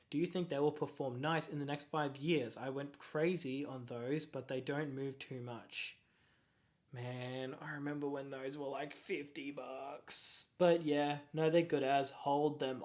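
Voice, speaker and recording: A young adult with an Australian accent chatting casually on a livestream. They ramble excitably, laugh often and keep apologizing. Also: medium pitch. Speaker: card-collecting livestreamer.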